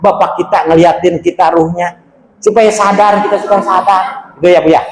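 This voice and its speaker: A man giving an animated, religious study sermon. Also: high voice, brisk. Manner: animated, colloquial, rises sharply for emphasis. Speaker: religious teacher. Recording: echoey room with faint background noise.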